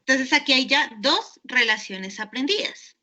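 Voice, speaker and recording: A woman's voice: sits high, animated, unhurried, pushed and bright. A woman giving an online university class. She explains patiently and keeps checking in with her students. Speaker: university lecturer.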